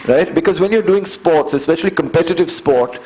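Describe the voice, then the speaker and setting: A man in his fifties with an Indian English accent, telling his story as an interview guest in an earnest, measured way and building his points through repeated phrases. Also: a little high, a little mellow, poor audio. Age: 50s. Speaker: guest, endurance athlete.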